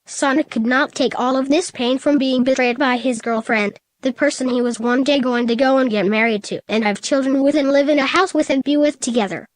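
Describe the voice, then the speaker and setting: A woman reading fan fiction aloud in a steady, plain way. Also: sits high, fairly quick, few pauses, dry recording.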